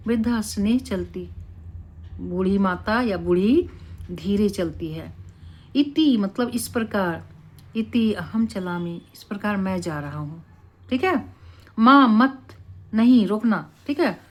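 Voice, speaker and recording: A woman teaching a Sanskrit class, explaining slowly and deliberately and often checking in with her students. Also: medium pitch. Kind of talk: classroom lesson.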